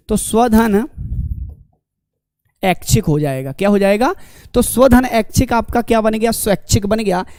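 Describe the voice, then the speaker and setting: A man's voice: high voice, darkish tone, no echo, studio quality. A man teaching an online exam-prep lecture, asking the class questions and answering them himself, calling the students his dear companions.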